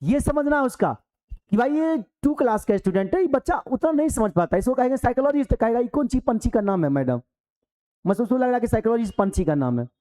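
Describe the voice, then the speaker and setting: A man's voice: very high voice, expressive, fast, mellow. A male coaching teacher, giving a live online class from the hall of his coaching centre, talking conversationally with rhetorical questions and acting out pupils.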